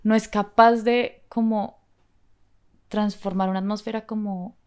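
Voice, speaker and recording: A woman at a middle pitch speaks in a casual podcast conversation. She answers with short agreeing replies and speaks earnestly about her faith. Her delivery is conversational and sincere. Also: little pitch movement, a little slow, smooth.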